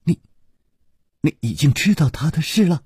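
A man voicing a sorrowful young masked woman who speaks in a hushed, faltering way. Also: a little high, expressive, normal speed, breathy edge, no room sound, clean studio sound, voice pushed up. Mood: hesitant.

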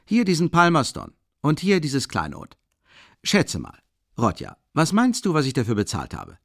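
A man reading an audiobook, voicing an eager, talkative young male friend who fusses and boasts in a raised, excited voice. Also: a little high, vocal fry, dry recording, clean studio sound, pitched above the performer's own voice, full character voice. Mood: excited, bustling. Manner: excited, lively, quick-tempered, teasing. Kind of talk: audiobook reading with acted dialogue.

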